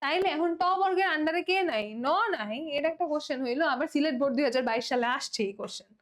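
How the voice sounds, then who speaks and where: A young woman with a Bangladeshi Bengali accent runs an online exam-prep lesson in a high voice. She is playful and teasing, and she pleads with her students to understand. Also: racing. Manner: playful, pleading, mixes English words. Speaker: teacher.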